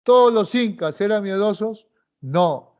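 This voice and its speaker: A Peruvian man teaching a history class at a slow, deliberate pace, his voice sitting fairly high. He keeps quizzing the students, repeating questions and stretching out the answers. The recording is dull and lo-fi. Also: lively intonation, darkish tone. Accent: Peruvian Spanish. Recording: dull lo-fi sound.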